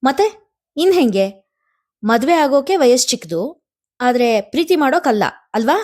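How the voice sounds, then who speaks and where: Distraught young lover in a storybook, pleading and raised, mellow tone, voiced by a woman narrator. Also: a little high, moderate pace, natural voice. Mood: upset. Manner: upset, pleading, sharp when angry. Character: young woman in love, tearful and fed up.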